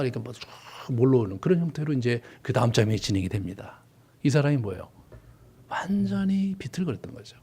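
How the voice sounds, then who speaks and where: Hushed-to-booming preaching man. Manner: dramatic, swinging from loud emphasis to hushed whispers. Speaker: pastor. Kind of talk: sermon. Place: church sanctuary.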